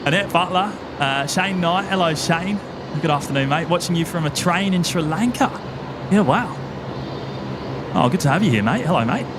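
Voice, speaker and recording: A man's voice: fairly high pitch, expressive, normal speed. A man with an Australian accent hosting a live stream outdoors at an airport, chatty, repeating his words as he greets viewers. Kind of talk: casual live-stream chat. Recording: loud outdoor traffic noise behind.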